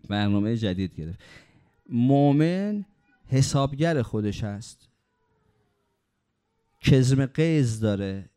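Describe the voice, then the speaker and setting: A man delivers a sermon in a warm, dark voice at an ordinary pitch. He tells anecdotes and drives home each point with emphatic rhetorical questions. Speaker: preacher.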